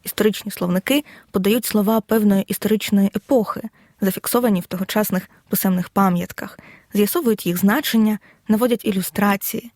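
A woman teacher giving a scripted audio lesson, explaining in a measured way and reading examples out one by one. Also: medium pitch, fairly even intonation, a little mellow, dry recording, studio quality. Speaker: Ukrainian language teacher.

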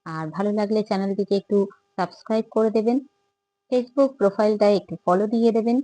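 A woman's voice: mid-range voice, fast talker, dark tone, no echo, rough recording. A woman chatting casually and in a friendly way to viewers as host of an eating vlog at home. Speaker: food vlogger and host.

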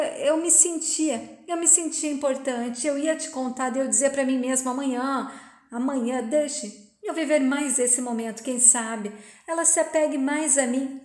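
A woman reading the lines of a heartbroken, pleading young man, slowly and earnestly. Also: high voice, darkish tone, lightly acted. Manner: plain reading of quoted dialogue, slow and earnest. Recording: roomy echo.

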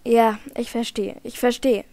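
An anxious young nobleman presses with urgent, troubled questions, voiced by a woman reading an audiobook. The voice sits slightly high with a gravelly texture. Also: little pitch movement, unhurried, dark tone, dry recording.

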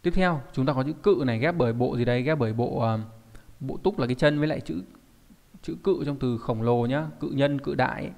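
A man's voice: medium pitch, fairly quick, vocal fry, a little mellow, in a large hall. A man teaching a recorded online kanji lesson, explaining step by step and often asking rhetorical check-in questions. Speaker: Japanese teacher.

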